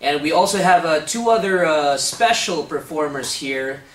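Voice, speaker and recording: Hosting a casual talk show interview, a man with a Filipino accent speaks at normal speed with a fairly high pitch and lively intonation. He's chatty but hesitant, with many uhs and bits of Tagalog. Faint hiss and roomy echo come from the distant mic.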